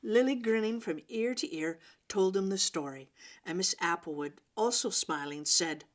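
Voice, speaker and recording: A woman of medium pitch reads a children's story aloud. She makes it dramatic and expressive, adding pauses and emphasis for a young audience.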